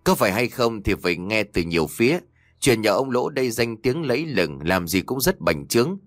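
A man narrating a story in an expressive way. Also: medium pitch, normal speed, dry recording, studio quality, faint music behind.

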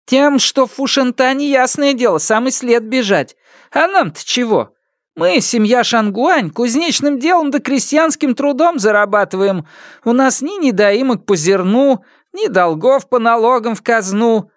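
A domineering old peasant matriarch, as a man acts her out, barks orders in a high, sharp voice. Her scolding tone rises and falls widely. This is an audiobook-style reading with a dry, close sound. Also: lively intonation, a little slow, no room sound. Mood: grumbling.

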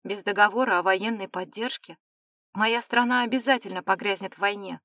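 A woman's voice: mid-range voice, steady tone, brisk, pushed and bright, no room sound. Young noble girl, stubborn, pushes hard, woman reading her, dry sound. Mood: insistent. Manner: firm, insistent delivery. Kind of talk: audiobook character reading.

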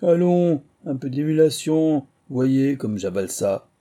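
A man voicing a boastful, jovial middle-aged recruiting officer who talks loudly and coaxingly. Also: medium pitch, animated, a little slow, pitched above the performer's own voice, close to an everyday voice. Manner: loud, expansive, coaxing.

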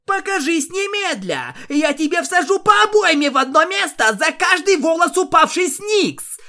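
A reader puts on a brash tomboy pegasus mare, pitched far above the narrating voice. She yells at full force, loud and threatening. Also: big pitch swings, moderate pace, exaggerated voice. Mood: enraged. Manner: yelling, threatening.

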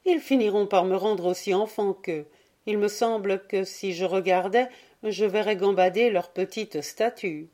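A woman reading the lines of a young mother who muses fondly to herself in a quiet voice. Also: medium pitch, measured pace, lightly acted. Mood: musing.

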